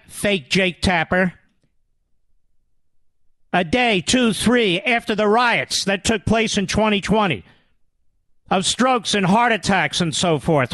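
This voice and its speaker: A man's voice: very high voice, bright, forceful tone, dry recording. A man hosting a talk radio show, delivering an indignant, sarcastic political rant into a studio microphone.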